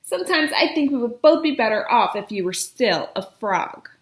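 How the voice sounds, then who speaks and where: A woman's voice: fairly high pitch, expressive, normal speed, slight background noise, lightly acted. A woman reading a storybook aloud as a fed-up, scolding princess. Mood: exasperated. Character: nagging, fed-up fairy-tale princess.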